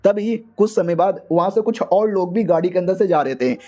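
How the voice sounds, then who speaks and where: Guy recapping a comic story, chatty and slangy, high-ish mellow voice. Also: moderate pace. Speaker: manga explainer.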